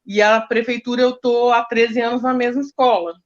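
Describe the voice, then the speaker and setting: A woman's voice: a little high, moderate pace. Woman teacher w/ sao telling school stories, emotional, lots of quoting, a bit lo-fi. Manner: emotional, animated retelling with quoted speech. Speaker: teacher guest. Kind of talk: storytelling in a casual interview.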